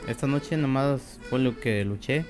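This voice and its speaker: A man's voice: medium pitch, measured pace. A man, a native Spanish speaker, answering interview questions casually and briefly as a wrestler, mixing Spanish and English. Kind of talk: casual chat. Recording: music behind the voice.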